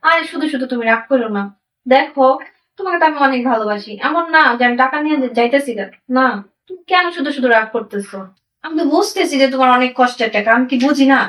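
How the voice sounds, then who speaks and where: An actress playing a deceitful young wife, pleading and wheedling, with a Bangladeshi accent. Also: female voice, high-pitched, animated, fast, a bit bright. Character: deceitful young wife hiding spent money. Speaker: migrant worker's wife. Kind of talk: amateur drama acting. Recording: voice distant from the mic.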